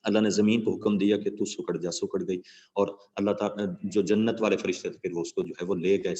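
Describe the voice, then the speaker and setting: A man's voice: lowish voice, flat delivery, dark tone, long reverb tail, highs cut off. A male teacher giving a classroom lecture on a poem, asking his students rhetorical questions and telling them moral stories. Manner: asks the class rhetorical questions and checks understanding.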